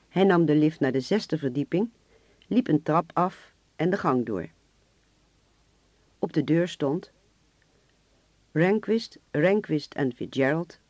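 Man, radio drama narrator, measured, slightly high voice, dry studio. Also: darkish tone, no echo.

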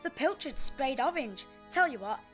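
A woman's voice: sits high, lively intonation, normal speed, a bit bright, soft background music. A woman playing a cheeky, sarcastic schoolboy. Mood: scornful. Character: cheeky young boy, blunt and unimpressed.

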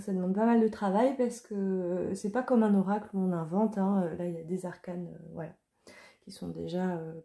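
A woman's voice: medium pitch, dark tone. A woman chatting casually as she shows card decks, with many fillers and restarts. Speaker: card reader and deck reviewer. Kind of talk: casual chat.

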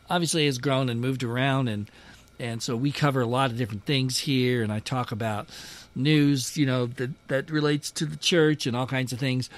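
A man hosting a podcast in a casual monologue, chatty and self-deprecating with a dry, sarcastic humor. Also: mid-range voice. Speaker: podcast host.

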